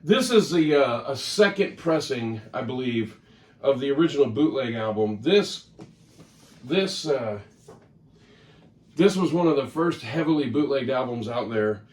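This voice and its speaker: Speaking unhurriedly in an expressive, slightly mellow mid-range voice, a man vlogs casually about his record collection. He's chatty and rambling, often fixing what he just said, with a distant mic giving a roomy sound.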